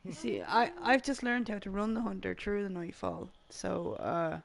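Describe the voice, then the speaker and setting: Creaky-voiced woman in gaming banter. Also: medium pitch, expressive, moderate pace, slight background noise. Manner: teasing, sweary. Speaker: online game player.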